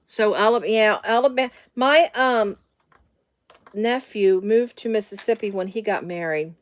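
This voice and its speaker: With a medium-pitched voice at a moderate pace and no echo, this middle-aged Midwestern US woman runs a casual live sewing tutorial from her home sewing room. She wanders off into side stories and uses lots of fillers.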